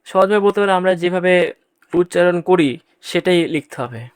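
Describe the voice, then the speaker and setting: A man leads an exam-prep lesson on Bangla pronunciation, patiently repeating each example word and talking directly to students about points that often come up in exams. His high voice is brisk, clear and resonant, captured in studio quality with no room sound.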